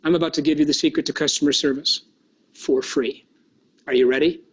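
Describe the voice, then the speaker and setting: A man giving a motivational workshop talk, telling a story with animated delivery and putting questions to the audience. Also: on the high side, fairly quick, breathy edge. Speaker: workshop speaker.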